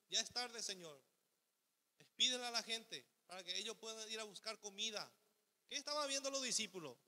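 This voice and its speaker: A pastor's high, pushed, bright voice rings through the long reverb of a church hall. As he preaches, the man asks rhetorical questions and acts out what the selfish ego would say.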